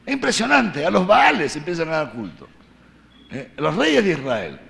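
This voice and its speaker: A man giving a catechesis talk, telling Bible stories with lively acted-out quotes and frequent tag questions. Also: fairly high pitch, moderate pace, creaky, breathy edge. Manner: animated storytelling, acting out biblical quotes. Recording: long hall reverb.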